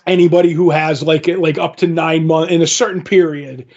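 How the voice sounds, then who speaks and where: A man's voice: a little high, fairly even intonation, moderate pace, a little mellow, muffled recording. A man in his fifties, a podcast co-host, telling a rambling story in casual chat and acting out what everyone said. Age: 50s. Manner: rambling storyteller, acts out quoted exchanges, laughs easily.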